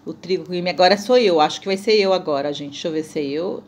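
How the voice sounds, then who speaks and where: A woman's voice: sits low, racing, a little hiss or hum. Chatty Brazilian woman narrating a cooking video. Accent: Brazilian Portuguese. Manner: chatty, addresses viewers often, self-deprecating and playful. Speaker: cooking vlogger.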